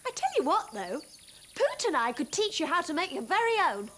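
A woman acting in a children's television show, talking in a gentle, patient and motherly way. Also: extremely high pitch, very animated, a little fast.

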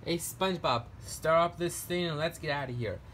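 A man's voice: fairly high pitch, fairly bright tone, close to an everyday voice. Man doing an easygoing, folksy frog puppet. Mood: casual. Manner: folksy, unhurried, hesitant. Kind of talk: amateur puppet-show cartoon parody. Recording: noisy homemade recording.

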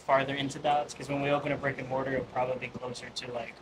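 A man talks quickly and casually as a guest, full of fillers. His pitch stays flat and even. A clear crowd murmurs behind him. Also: poor audio. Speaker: guest, food truck owner. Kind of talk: casual interview.

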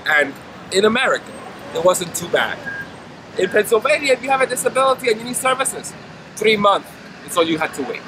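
A man in his thirties speaks with earnest insistence about his cause, his voice set a little high for a man. He is recorded outdoors on a city street, with clear traffic noise running under every word. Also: sing-song, brisk. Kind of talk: street interview. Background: traffic and city ambience.

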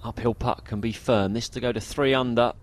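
A man's voice: medium pitch, fairly even intonation, a little fast. A man giving golf commentary, analysing each shot of a tournament.

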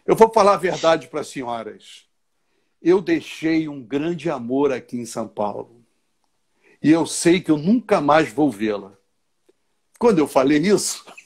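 Animated storytelling Rio man. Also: on the high side, slightly rough. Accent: Rio de Janeiro Portuguese. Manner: animated, acts out dialogue with voices. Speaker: interview guest. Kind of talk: casual storytelling. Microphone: video call.

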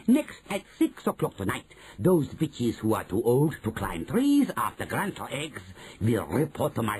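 Storybook villain: venomous female witch ruler, commanding, very husky, screeching, wildly varied pitch. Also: a little mellow, full character voice, poor audio. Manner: screeching, drawn-out commanding delivery.

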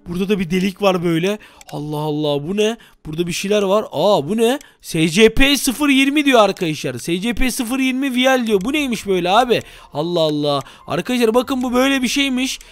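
A man's voice: high voice, fairly quick, hardly any pauses, no room sound. A young man hosting a game video, narrating with dramatic, easily frightened reactions. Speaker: gaming video host. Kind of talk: excited game commentary.

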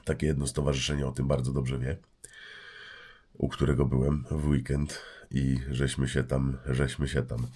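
A man's voice: a bass voice, little pitch movement, normal speed, dark tone, slightly rough. A man with a stuffy nose from a cold hosting a casual livestream at home, joking and greeting viewers by name. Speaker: livestream host.

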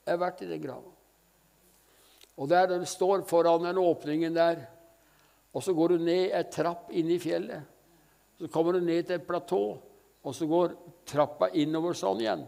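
An older male evangelist preaches with fervour, his fairly high voice carrying a gravelly edge. His tone is dark and mellow, and he tells his stories with frequent hallelujahs. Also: steady tone. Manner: fervent storytelling, frequent hallelujahs. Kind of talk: sermon. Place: church meeting.

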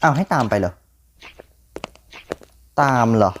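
A young man giving jumpy, excitable commentary on a horror game, often repeating words when startled. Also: medium pitch, takes it slowly, slight background noise. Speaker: gaming YouTuber.

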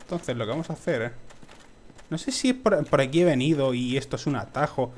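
A young man from giving excitable let's play commentary to his viewers, swearing often. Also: medium pitch, a little fast. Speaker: gaming video host.

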